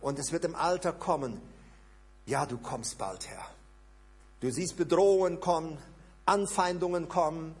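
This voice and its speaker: A husky man preaches with fervent repetition in a church service. His voice sits fairly high for a man. He leads the congregation through short, repeated prayers and sinks to a hushed, low voice when he speaks them. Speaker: pastor. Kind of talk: sermon with spoken prayer. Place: church service, also streamed online.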